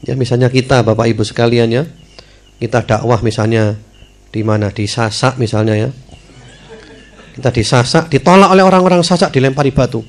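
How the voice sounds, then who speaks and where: A middle-aged male preacher, telling stories in a sermon, swinging from loud bursts to hushed asides. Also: medium pitch, fairly quick, pauses often.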